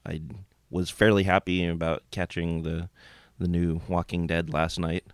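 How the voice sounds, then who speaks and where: A man's voice: sits low, little pitch movement, a little slow, clean tone, no room sound. A man co-hosting a casual radio talk show from a studio, laid-back and offhand. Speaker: co-host.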